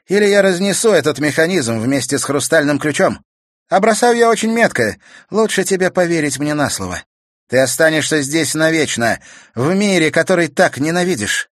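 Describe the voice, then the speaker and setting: Man doing brave young girl, high bright voice, calm and firm, storybook. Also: normal speed, no echo, clean studio sound. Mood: calm defiant.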